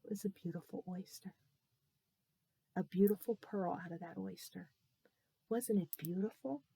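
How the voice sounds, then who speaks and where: A woman telling a children's Bible story in an animated way, often stopping to ask the young listeners questions. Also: mid-range voice, moderate pace, vocal fry, husky, no echo.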